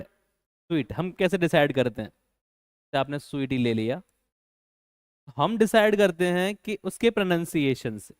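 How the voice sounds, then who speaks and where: A man's voice: fairly high pitch, smooth, no echo, studio quality. A man teaching a grammar lesson, asking his students rhetorical questions and repeating key points. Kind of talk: classroom-style grammar lesson.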